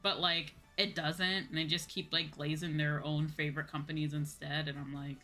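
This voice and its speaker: With a deep voice, flat delivery and a sharp tone, a woman VTuber streamer chats casually on her stream at a moderate pace. She's candid, repeating things for emphasis and swearing informally. Music runs in the background.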